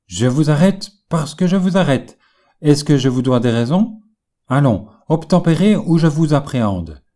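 A man's voice: on the high side, expressive, moderate pace, dark tone, natural voice. A man reading an audiobook, voicing a brusque, stubborn male country gendarme who barks short orders. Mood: stern. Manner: curt, peremptory orders.

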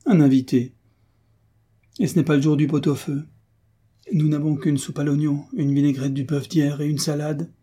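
A fussy housekeeper woman, put on by a male reader in a storybook, who worries aloud and fires off questions. Her voice sits above his own, and the sound is dark and husky. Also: a little high, level tone, moderate pace, voice pushed up. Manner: exclaiming, fretful, curious. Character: fussy fretful female housekeeper.

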